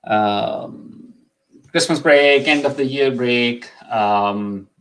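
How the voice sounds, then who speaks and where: On a rough recording, a mid-range male voice draws out his words while chatting casually on a live stream. He's a middle-aged native Urdu speaker running an immigration session, full of ums and restarts and coughing a bit from mild illness.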